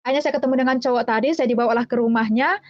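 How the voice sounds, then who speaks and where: Woman from Java, personal testimony, chatty, acts out quoted voices, high-pitched, dull lo-fi sound. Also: no echo. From Java, Indonesia. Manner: chatty, addresses listeners as dear brothers and sisters; acts out quoted voices, sings hymn lines slowly. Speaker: testimony speaker.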